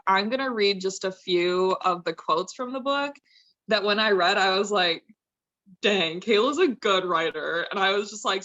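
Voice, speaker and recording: Woman hosting a book launch on a call, chatty, says like a lot, mid pitch. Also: sharp tone, muffled recording. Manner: chatty and upbeat, many "like" fillers. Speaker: bookstore event moderator. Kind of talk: casual chat hosting an online book launch.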